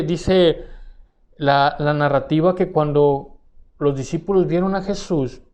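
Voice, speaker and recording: A man's voice: a little high, darkish tone. A man preaching a sermon as pastor, earnest and often repeating words as he searches for his phrasing.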